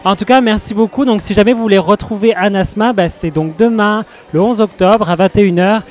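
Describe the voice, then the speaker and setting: A man hosting an interview at a festival. He asks friendly, loosely worded questions and tends to trip over his words. His voice is notably high for a man. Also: a little fast, a little mellow. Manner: friendly, slightly stumbling questions. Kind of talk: casual interview.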